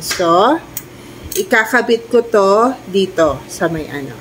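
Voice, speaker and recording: Slow-talking Filipino woman with a stuffy nose. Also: mid-range voice, expressive, a little hiss or hum. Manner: chatty, talks viewers through steps. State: nasal from a cold. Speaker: vlogger. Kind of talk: casual product demo. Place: home, moving between rooms. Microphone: wireless clip-on mic and phone.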